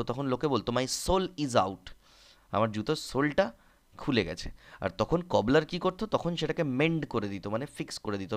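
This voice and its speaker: A man teaching a literature lesson. He explains in an informal, friendly tone and keeps checking whether students have understood. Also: mid-range voice.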